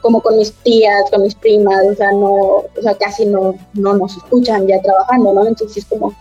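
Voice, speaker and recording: A woman's voice: medium pitch, little pitch movement, moderate pace, mellow, husky, dull audio, faint music behind. A woman, a voice actress, chatting casually and laughing often as she tells stories. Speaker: voice actress guest. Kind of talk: casual chat.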